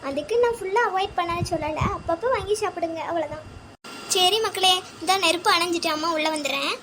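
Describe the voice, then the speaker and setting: A busy, chatty mother giving homely advice, voiced by a child in a very high, quick voice. She keeps turning to the audience, and steady background noise runs under the homemade recording. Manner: chatty, addresses viewers as "people". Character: busy mother talking to her family. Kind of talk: home family skit.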